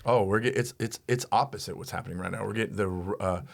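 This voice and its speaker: A man's voice: on the low side, fast talker, gravelly. A man in his forties co-hosting a comedy podcast, chatting casually, laughing often and breaking into bits of song. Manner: animated, laughs often, breaks into sung snippets.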